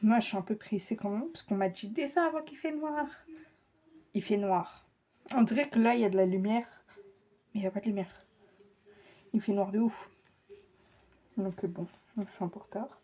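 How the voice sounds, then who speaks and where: A young woman chatting casually in a vlog, rushed and flustered, self-mocking, often dropping to a whisper. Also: mid-range voice, mellow, husky. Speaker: vlogger.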